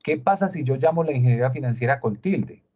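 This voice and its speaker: Talking fast in an expressive, mid-range voice with a darkish tone, a Colombian-accented man teaches via screen share. He explains each step and asks rhetorical questions, and the video call sound is dull and lo-fi.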